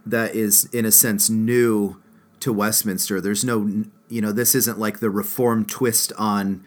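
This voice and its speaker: A man with a fairly low voice, moderating a theological panel. He puts questions to the guests, pausing and restarting as he goes. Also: fairly even intonation. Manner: asks questions, halting with fillers. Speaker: host.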